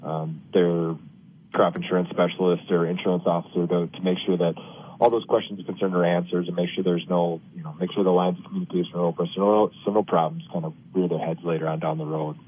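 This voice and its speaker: An American man answering as a radio interview guest, halting and rephrasing as he goes. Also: low voice, little pitch movement. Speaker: crop insurance officer, interview guest. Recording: noisy narrow phone-like line.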